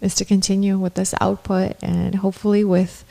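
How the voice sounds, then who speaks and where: A woman's voice: medium pitch, level tone, brisk, gravelly, warm tone. A woman in her thirties co-hosting a home podcast, chatty and upbeat, filling her talk with "like", into a studio mic. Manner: chatty, upbeat, laughs often, lots of "like". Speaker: podcast co-host. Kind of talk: casual chat. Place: living room at home. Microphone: studio mic on boom arm, headphones.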